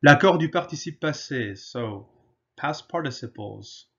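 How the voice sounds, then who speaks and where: A man teaching French grammar in a slow, patient way, pausing often and switching to English to explain. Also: mid-range voice, expressive, vocal fry, dull audio. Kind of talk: grammar lesson.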